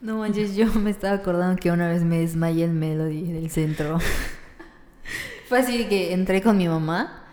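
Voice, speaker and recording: Hoarse young Mexican woman, roomy echo. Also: lowish voice, normal speed, a little mellow. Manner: casual, slangy. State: losing her voice. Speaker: podcast co-host. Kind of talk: casual chat.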